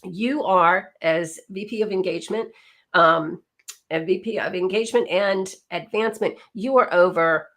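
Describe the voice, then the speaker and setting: A woman's voice: on the low side, moderate pace, a bit bright. Southern woman hosting, fighting a cold. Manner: chatty, with frequent ums. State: has a cold. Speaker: webinar host. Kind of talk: conversational webinar hosting.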